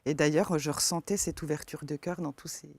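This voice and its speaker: A woman from eastern France, with a slight accent from that region, answers interview questions in her role as a forest therapy guide. She speaks softly and hesitantly, filling pauses often, in a low, steady voice at a fairly quick pace. The recording is dry.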